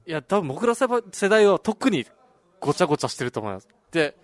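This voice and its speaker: A man's voice: a little high, sing-song, fast talker, dry recording. A young man from Okinawa chatting casually and animatedly, often laughing as he tells stories. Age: young adult. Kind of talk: casual chat.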